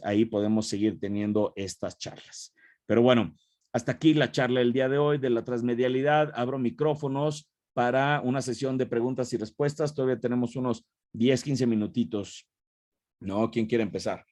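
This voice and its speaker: A man's voice: medium pitch, fairly even intonation, normal speed, a little mellow, no room sound. A man giving an online lecture, talking in a loose spoken style with many tag questions and restarts. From Mexico. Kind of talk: online talk with Q&A.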